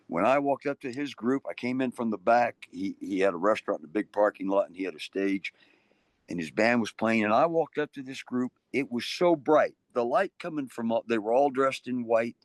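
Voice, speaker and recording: Speaking in a lowish voice with no echo, an older interview guest rambles casually through his stories. He restarts his sentences frequently and animates the voices in his anecdotes.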